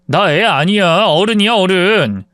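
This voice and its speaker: A man's voice: high-pitched, expressive, brisk, fairly bright tone, no echo, studio quality, voice pushed up. A man voicing an irritable young married son. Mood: irritated. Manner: snappish, impatient.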